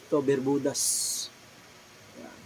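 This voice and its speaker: With a mellow, mid-range voice and completely flat delivery, a Filipino clothing seller displays his small shop's goods one at a time for a casual vlog. He's slow and polite, repeating each brand and size. Expect a low-quality recording with a little hiss or hum.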